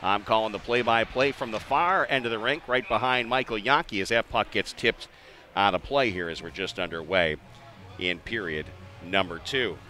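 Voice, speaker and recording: An American play-by-play announcer calls a live ice hockey game from rink-side in an indoor arena, his lowish voice pushed and bright at a normal speed. His delivery is chatty and conversational, with clear arena ambience behind him.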